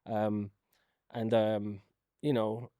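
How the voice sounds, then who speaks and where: A man with a London accent talks casually as an interview guest. His voice sits fairly low and is recorded dry, and he speaks in an informal, personal, conversational style. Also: little pitch movement, drawn-out words, warm tone, no echo. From London, England. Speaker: interview guest, fitness content creator. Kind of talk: casual chat, personal recollection.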